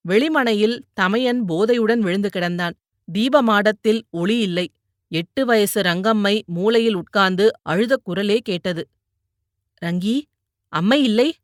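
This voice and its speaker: A woman reading a novel aloud as an audiobook narrator, telling the story in a measured way and raising her voice for characters who shout. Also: medium pitch, no room sound, clean studio sound.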